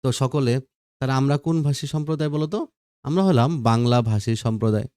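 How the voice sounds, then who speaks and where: A man's voice: medium pitch, fairly quick, dark tone, clear, resonant tone, no echo, studio quality. A man teaching a school grammar lesson, repeating key points and asking questions that he answers himself. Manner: asks the class questions and answers them himself. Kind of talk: recorded video lesson.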